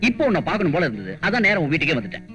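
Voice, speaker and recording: An actor playing a shy, affectionate younger brother who is in love, in an old film. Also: male voice, a little high, very animated, very fast, a bit bright, soft background music. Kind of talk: 1990 film dialogue.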